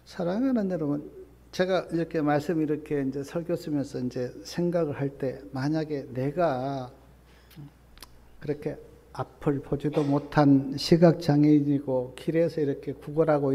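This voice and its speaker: A male pastor preaches in a fairly high, mellow voice. He drops to soft, low asides, then rises to loud, emphatic appeals. His voice carries a long reverb from the church hall. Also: steady tone, normal speed, gravelly. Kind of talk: sermon.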